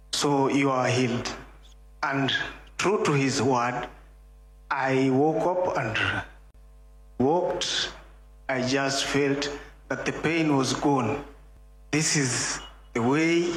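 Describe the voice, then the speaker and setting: A man slowly giving a church testimony to the congregation, deliberate and growing joyful. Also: mid-range voice, fairly bright tone. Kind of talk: slow spoken testimony to a congregation. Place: large echoing church hall. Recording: echoey church hall with crowd noise.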